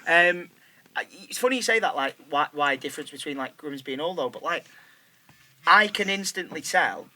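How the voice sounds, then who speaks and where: A man with a Manchester accent hosting a casual podcast chat, animated and sweary, his pitch jumping up and down. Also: normal speed. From South Manchester, England. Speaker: podcast host. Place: recording studio. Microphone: podcast mic.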